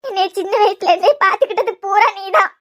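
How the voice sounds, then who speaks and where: A woman's voice: very high-pitched, fairly quick. A woman voicing a tearful young bride, the younger sister, in a cartoon series, pleading emotionally with a Kanyakumari Tamil accent.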